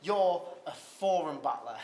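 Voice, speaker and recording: A man delivers a crude, mocking battle rap verse. His voice sits fairly high. The room echoes and there is noise behind him. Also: expressive, measured pace, a little mellow. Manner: mocking, crude, laughing between bars. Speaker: battle rapper. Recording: echoey, noisy live venue.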